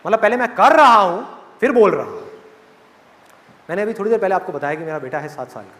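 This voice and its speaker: Animated guy in his 30s from india joking with a crowd, highish voice, big hall echo. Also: fast. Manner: animated, joking, asks the audience questions. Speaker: motivational speaker. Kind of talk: live motivational talk. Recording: reverberant hall with audience.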